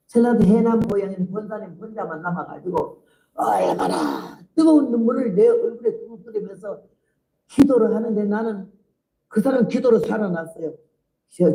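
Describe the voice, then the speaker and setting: An older woman missionary recounts her testimony from the pulpit with vivid, animated storytelling and frequent laughter. Her voice is warm and dark in tone, and it rings out in a reverberant church hall. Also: medium pitch. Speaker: missionary preacher. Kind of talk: sermon testimony.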